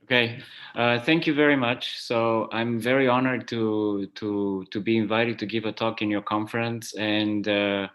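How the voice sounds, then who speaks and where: A Romanian-born math professor in his forties gives a plenary talk as a guest speaker at an online conference, joining by video call. His voice is on the low side and a bit bright, with fairly even intonation and an unhurried pace, and he's hesitant, full of fillers and restarts.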